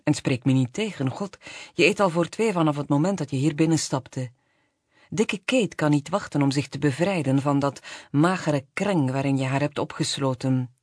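A reader doing a defiant, cutting woman, husky. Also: medium pitch, moderate pace, no room sound, clean studio sound, close to an everyday voice. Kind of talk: audiobook reading.

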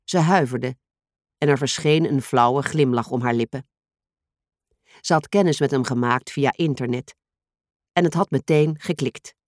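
A man narrating a novel in a steady, measured storytelling read. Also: medium pitch, no room sound, clean studio sound. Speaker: audiobook narrator. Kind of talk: scripted narration.

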